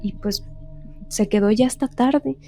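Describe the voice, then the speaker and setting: A woman's voice: on the high side, measured pace, warm tone, faint music behind. A woman casually retelling a ghost story on a podcast. She rambles and keeps repeating "he told me.".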